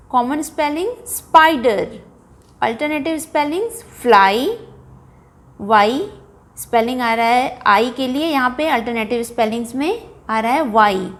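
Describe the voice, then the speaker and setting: Slow, clear Indian woman teaching phonics. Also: sits high. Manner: slow, clear word-by-word modeling of sounds. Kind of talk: phonics lesson for children.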